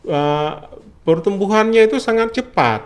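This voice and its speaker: A man being interviewed as a library official, speaking in a halting way with many fillers and repeated phrases. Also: high voice, expressive. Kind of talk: conversational interview.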